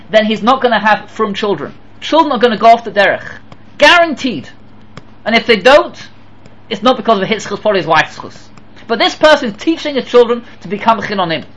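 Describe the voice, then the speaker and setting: Animated rabbi teaching, Yiddish-laced English. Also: male voice, high-pitched, highs cut off. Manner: animated, mixes Hebrew and Yiddish terms into English, swings between loud and hushed. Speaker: rabbi giving a Torah class. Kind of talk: Torah lecture.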